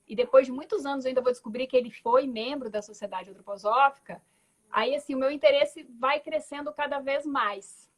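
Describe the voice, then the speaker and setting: A woman in her forties from Belo Horizonte with a Minas Gerais accent, telling her story as a guest artist on a video call in a thoughtful way, with frequent tag words and restarts. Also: high voice. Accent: Minas Gerais Portuguese. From Belo Horizonte, Brazil. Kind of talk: reflective conversational storytelling.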